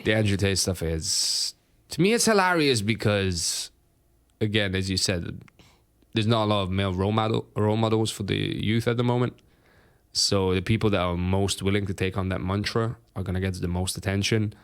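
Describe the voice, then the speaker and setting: A man's voice: lowish voice, moderate pace, clear, resonant tone. A young man co-hosting a podcast, casual and sweary, laughing often. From Romania. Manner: animated, sweary, laughs a lot. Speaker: podcast co-host. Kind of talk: casual chat.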